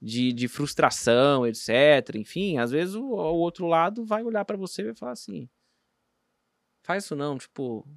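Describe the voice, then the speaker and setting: A Brazilian man chats on a podcast with a slightly high voice that swings between loud bursts and low mutters. His talk rambles, full of slang and restarts. The sound is close and dry. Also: animated, normal speed, gravelly, hardly any pauses, no room sound. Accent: Brazilian Portuguese. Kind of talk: casual podcast chat.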